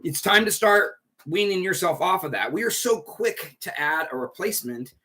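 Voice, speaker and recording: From home, a man who leads a recovery group hosts a chatty livestream talk, his nose stuffy and congested. His high-pitched, sharp voice is animated at a moderate pace, and his manner is rambling and upbeat.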